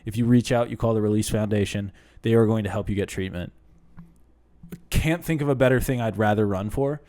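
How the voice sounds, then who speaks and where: A man's voice: fairly low pitch, fairly quick, mellow. A man in his late twenties hosting a casual question-and-answer video for his channel, rambling and self-deprecating as he talks things through with frequent restarts. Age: late 20s. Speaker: channel host. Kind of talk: casual Q and A vlog.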